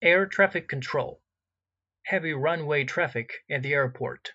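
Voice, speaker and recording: A man reading recorded airline cabin announcements in a formal, measured way, pausing where details would be filled in. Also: on the high side, sharp tone, dull audio. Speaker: in-flight announcer.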